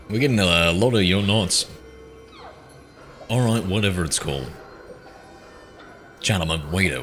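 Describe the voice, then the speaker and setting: Man, 30s, game streamer, low pitch, chatty banter with chat, faint music behind. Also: fairly bright tone. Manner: chatty, reads chat aloud and banters back. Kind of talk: casual live-stream chat.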